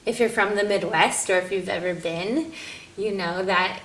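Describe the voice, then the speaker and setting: A woman's voice: mid-range voice, moderate pace, a bit bright, a little hiss or hum. A woman from Minnesota giving a reflective, hesitant interview answer.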